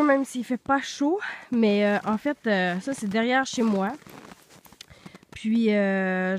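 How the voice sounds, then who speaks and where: Walking through snowy woods in deep cold, a young vlogger with a Quebec French accent chats loosely, using many fillers. Her voice sits on the high side, she sounds congested from the flu and a bit out of breath, and there is slight background noise.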